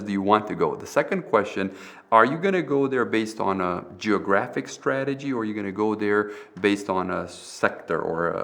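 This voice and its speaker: A man's voice: on the low side, a bit bright. A middle-aged man, a university professor from Romania who grew up partly in the US, explaining business strategy on a panel in a lecturing way. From Romania, raised partly in the US. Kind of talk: panel talk.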